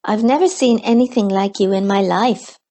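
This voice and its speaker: A woman voicing a kind young girl in a children's storybook, speaking softly and coaxingly. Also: mid-range voice, moderate pace, pitched above the performer's own voice, lightly acted. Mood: gentle. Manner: soft, coaxing.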